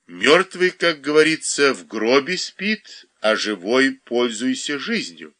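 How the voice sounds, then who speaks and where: A man's voice: medium pitch, sing-song, takes it slowly, bright, forceful tone, full character voice. A man reading aloud, voicing a hearty man who makes toasts at the table. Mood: jovial.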